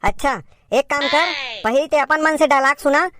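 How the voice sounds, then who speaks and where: A woman's voice: high voice, moderate pace, pushed and bright. A woman with a Chhattisgarhi accent performing a comedy sketch as a bossy teacher who scolds and directs her pupils.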